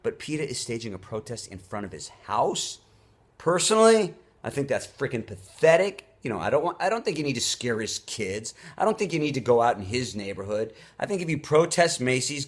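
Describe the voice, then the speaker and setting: A man's voice: mid-range voice, very animated, a little fast, few pauses. A man who hosts a show, delivering an off-the-cuff opinion rant in an emphatic, indignant way, leaning hard on key words. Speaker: show host.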